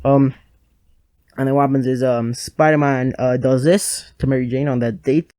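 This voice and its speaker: A man's voice: mid-range voice, steady tone, normal speed, warm tone, no room sound. A young man giving a rambling, sarcastic comedic game review at a home microphone. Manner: rambling, sarcastic, lots of fillers.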